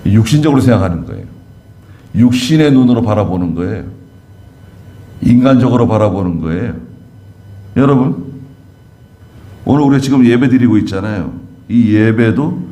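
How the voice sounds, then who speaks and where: A man's voice: fairly low pitch, sing-song, normal speed, pauses often, mellow. A man preaching a sermon as pastor, explaining scripture and asking the congregation rhetorical questions. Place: church sanctuary.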